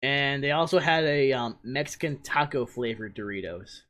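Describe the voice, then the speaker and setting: A man's voice: medium pitch, expressive, moderate pace, fairly bright tone. A man from New Jersey hosting a podcast, chatting casually and rambling through a list of snack flavors. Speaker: podcast host. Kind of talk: casual chat.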